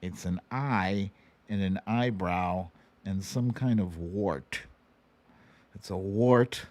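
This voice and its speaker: With a deep, darkish voice and slow pace, the host of a live online quiz show banters in a chatty, playful way and calls out to his viewers, recorded with no echo.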